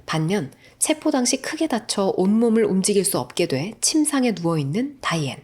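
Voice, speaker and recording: A woman narrates a film summary with dramatic, suspenseful flair. Her voice is husky and a little breathy. Her pitch swings widely as she builds tension. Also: big pitch swings, moderate pace, a little mellow.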